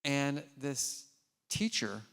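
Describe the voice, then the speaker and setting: A man and scientist giving a keynote on a large theater stage, telling stories in an animated, casual way. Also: medium pitch, drawn-out words, gravelly, smooth. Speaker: keynote speaker. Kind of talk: conference keynote with storytelling. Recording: long hall reverb in a theater.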